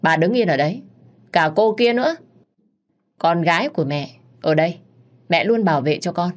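A woman voicing a fierce, protective middle-aged mother who gives loud commands. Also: lowish voice, expressive, brisk. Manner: commanding, furious.

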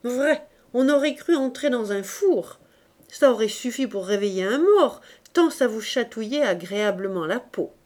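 A woman's voice: high voice, moderate pace, a little mellow, voice pushed up, natural voice. A woman reading aloud voices a chatty neighbor woman who exclaims in a raised voice.

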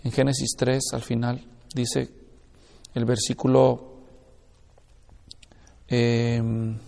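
A man's voice: mid-range voice, level tone, extremely slow, creaky, warm tone, big-room sound. A man teaching a Bible class, explaining step by step and often checking whether listeners follow. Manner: explanatory, checks understanding with questions.

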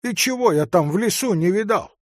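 A man's voice: sits high, lively intonation, brisk, dry recording, clean studio sound, pitched above the performer's own voice. A man voicing a frightened, pious old male forester who talks in a plaintive, sighing way.

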